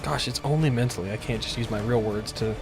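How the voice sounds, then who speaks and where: A man's voice: mid-range voice, fast. A man chatting casually as a player in a tabletop role-playing game. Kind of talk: casual chat. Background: background music.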